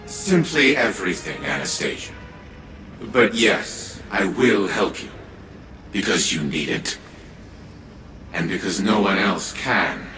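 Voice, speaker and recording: A smug, condescending old scientist. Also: male voice, low-pitched, lively intonation, takes it slowly, long pauses, heavily acted. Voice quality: smug, drawling. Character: arrogant, condescending old male scientist patriarch. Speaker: character in a game cutscene. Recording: game dialogue over loud music. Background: music.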